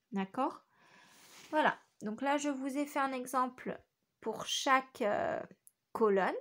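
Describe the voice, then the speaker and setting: Teaching phonics to little kids, this woman speaks clearly in a voice on the high side. The schoolteacher breaks every word into syllables and says them one at a time.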